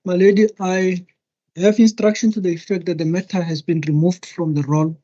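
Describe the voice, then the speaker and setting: A man's voice: high-pitched, flat delivery, moderate pace, dark tone. A man addresses the court in a courtly, deferential way, making formal submissions as an advocate. The sound is muffled and lo-fi, as from a computer microphone on a video call. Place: indoor book-lined office on a video call. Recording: dull lo-fi video call audio.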